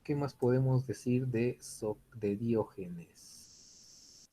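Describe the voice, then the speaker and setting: A man's voice: mid-range voice, extremely slow, warm tone. A man teaching an informal philosophy class, chatty, tagging questions onto his sentences and acting out anecdotes. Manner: conversational, frequent tag questions and fillers, acts out anecdotes.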